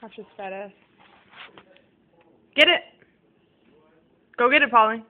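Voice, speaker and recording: A woman's voice: on the high side, takes it slowly, narrow, tinny audio. A woman chatting with her pet parrot, coaxing and teasing it in a sing-song way and swearing casually, recorded on a phone. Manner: coaxing, sing-song repeated goodbyes to a bird. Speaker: pet owner.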